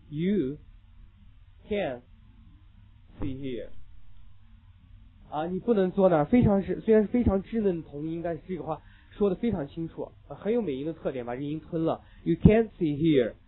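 A man teaching an English listening class, lecturing emphatically, repeating key points and dropping joking asides. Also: a little high. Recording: tinny lo-fi phone-like recording.

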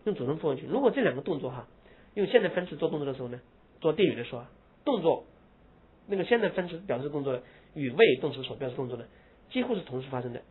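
A man's voice: fairly high pitch, animated, husky. Guy teaching grammar, asks questions n answers them himself, stretches out the example words, tinny lo-fi sound. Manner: explains in Mandarin, drawls English example phrases slowly with heavy stress. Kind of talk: classroom grammar lecture. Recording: tinny phone-like lo-fi recording.

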